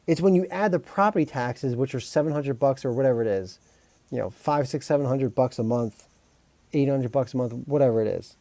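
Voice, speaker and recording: A man streaming as a composer speaks fairly quickly in a mellow, medium-pitched voice, with no room sound. His casual chat to viewers wanders and jokes, peppered with restarts, fillers and mild curses.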